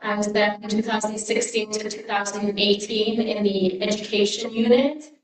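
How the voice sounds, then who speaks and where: Woman in her twenties, flat delivery. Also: medium pitch, normal speed, noisy background. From United Kingdom. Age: 20s. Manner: relaxed, frequent "um" fillers. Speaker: guest speaker. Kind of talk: personal talk to a congregation. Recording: echoey room, mic at a distance.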